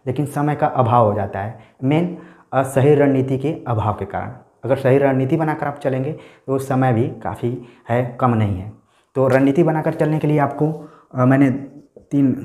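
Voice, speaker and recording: Hindi teacher in an echoey room. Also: male voice, medium pitch. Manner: explanatory, checks in with "ठीक है". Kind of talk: exam-prep lecture.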